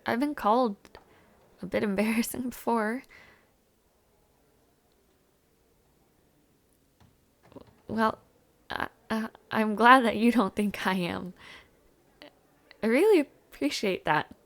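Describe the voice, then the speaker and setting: In an intimate audio roleplay, a young woman plays a warm, shy, playful university student who speaks hesitantly, giggles, and teases softly. Her voice sits fairly high, her pace is measured with frequent pauses, and she sounds touched and grateful.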